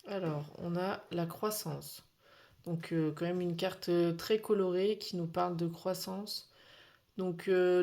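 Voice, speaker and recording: A French woman giving a casual weekly card reading, pausing often with fillers and restarts. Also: fairly low pitch, darkish tone. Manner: hesitant, many fillers and restarts. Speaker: tarot card reader.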